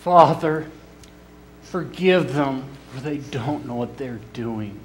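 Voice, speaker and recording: Man playing a slow, suffering, dying Jesus. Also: mid-range voice, lightly acted. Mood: anguished, forgiving. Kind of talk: stage religious drama.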